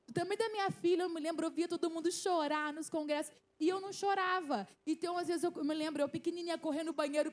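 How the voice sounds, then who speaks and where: A woman in her thirties from Rio de Janeiro, Brazil, speaks with a Carioca Brazilian Portuguese accent in a high, slightly mellow voice. She gives a personal testimony at a church youth service, telling it earnestly like a story, with many restarts and "né?" asides.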